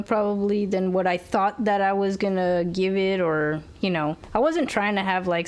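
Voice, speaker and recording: A woman's voice: medium pitch, darkish tone. A woman co-hosting a casual movie review podcast, speaking hesitantly with lots of fillers and little laughs. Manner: hesitant, giggly, many fillers. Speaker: podcast co-host.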